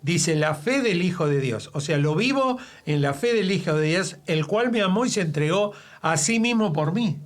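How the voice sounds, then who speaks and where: A man's voice: sits high, animated, normal speed, hardly any pauses. A man leading a church Bible study conversation, speaking emphatically and quoting scripture at length.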